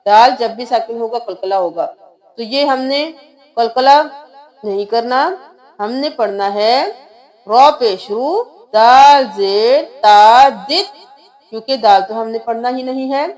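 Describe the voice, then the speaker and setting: A woman teaching Quran reading, spelling out letters and slowly chanting each word, patient and repetitive. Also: fairly high pitch, a little mellow. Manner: patient, repeats words slowly with drawn-out chanting.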